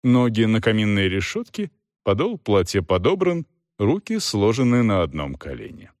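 Expressive male audiobook narrator. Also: fairly low pitch, dry recording, clean studio sound. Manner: measured, expressive storytelling.

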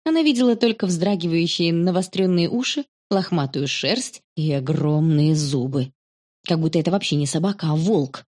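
A woman narrating a children's story in a calm, even storytelling manner. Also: fairly low pitch, normal speed.

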